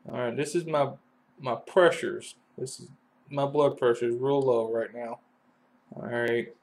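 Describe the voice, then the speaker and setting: A man's voice: medium pitch, a little mellow. A man with a Kentucky accent giving a casual, folksy how-to explanation as an HVAC technician, full of loose analogies and fillers.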